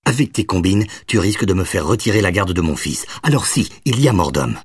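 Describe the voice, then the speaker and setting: A weary father who speaks firmly, a touch exasperated, his husky voice only a little raised as the narrator plays him. It is an audiobook voice, close and dry. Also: deep voice, animated, brisk, no echo, recorded from a distance, full character voice. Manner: firm, a bit exasperated. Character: weary single father, stern but tender.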